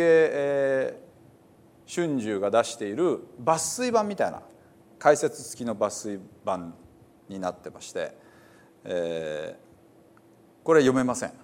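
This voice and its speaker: A man's voice: medium pitch, very animated, slow, pauses often, darkish tone. A man, a pastor, talking casually to his congregation in a chatty, amused way. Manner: chatty, amused, reads quotes with a laugh.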